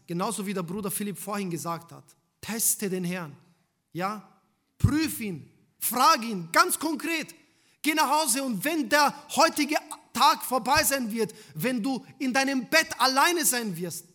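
Man, preacher, sermon, high voice, rhetorical questions, loud and hushed by turns. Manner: emphatic, swinging between loud and hushed.

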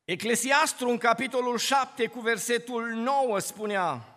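A man's voice: extremely high pitch, bright, forceful tone. A man preaching a sermon, impassioned, his voice rising and dropping sharply for emphasis. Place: church. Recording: long reverb of a church hall.

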